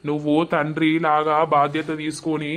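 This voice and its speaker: A man's voice: on the high side, completely flat delivery, normal speed, a bit bright, close to an everyday voice. A man voicing a polite young village suitor in a cartoon, with a Telangana Telugu accent and a talkative, reassuring manner. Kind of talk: animated cartoon voice acting.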